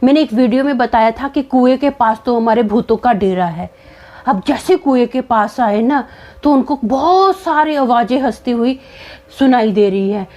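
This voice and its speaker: A woman's voice: a little high, a little mellow, highs cut off, a little hiss or hum. A woman animatedly retelling a family ghost story, acting out the scenes as she goes. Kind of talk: spoken ghost story in Hindi.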